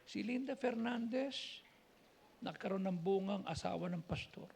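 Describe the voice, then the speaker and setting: A man's voice: high-pitched, normal speed, gravelly, a little mellow, slight background noise. A man with a Filipino accent preaching a sermon as a pastor, telling stories in a conversational way and switching between languages. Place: church.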